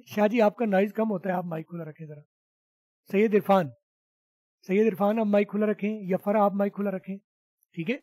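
Man, online class teacher, high voice, dry close sound, patient, repeats words. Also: warm tone, no room sound. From Pakistan. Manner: explains patiently, repeats sounds for students to copy. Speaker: spoken English teacher. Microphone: video call.

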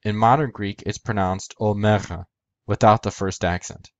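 A man's voice: fairly low pitch, steady tone, normal speed, no echo, highs cut off. A man hosting an educational video, narrating a methodical scripted explanation step by step.

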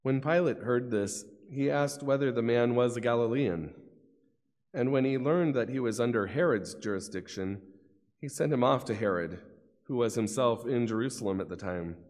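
A middle-aged man solemnly reads scripture as narrator, standing at a lectern in a large church. He speaks at normal speed with a medium pitch and a darkish tone. A gooseneck microphone on the lectern picks him up, and the church adds long reverb.

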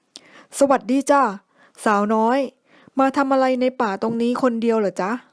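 A cunning wolf from a bedtime storybook, voiced by a woman, coaxes in a slow, syrupy drawl. His voice sits a little high and stretches each phrase out. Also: steady tone, no room sound, natural voice. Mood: sweet-talking. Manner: slow, sweet-talking, drawn out. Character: sly male wolf faking kindness.

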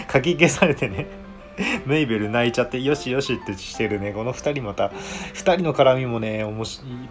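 A man giving a casual, chatty review of an anime episode, laughing often between his remarks. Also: mid-range voice.

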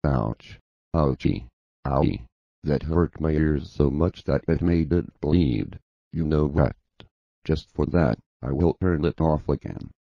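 A man's voice: very deep voice, takes it slowly, gravelly, no room sound, exaggerated voice. A synthetic male text-to-speech voice playing a stubborn, sarcastic young man who mocks a cartoon dinosaur. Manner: mocking, flat and sarcastic. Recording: dull dry lo-fi audio.

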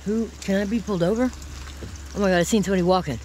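Mulher animada com sotaque sulista americano. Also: female voice, mid-range voice, racing. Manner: excitable, swears, jittery. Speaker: vlogger filming an abandoned site. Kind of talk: casual chat while exploring. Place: outdoors by abandoned buildings and in a car. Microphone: handheld phone. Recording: noisy outdoor phone recording.

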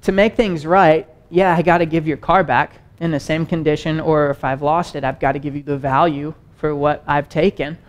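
A young adult male preacher teaches a sermon on a stage with a wood-panel backdrop and screen. He talks casually and animatedly, pacing and gesturing widely, in a fairly high voice at a moderate pace with few pauses.

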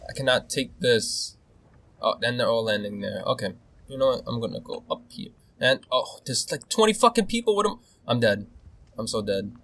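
A young man commentating his own game as he plays, excitable and swearing, swinging between nervous muttering and loud outbursts. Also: mid-range voice, moderate pace, vocal fry. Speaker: gaming video host. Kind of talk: casual gameplay commentary.

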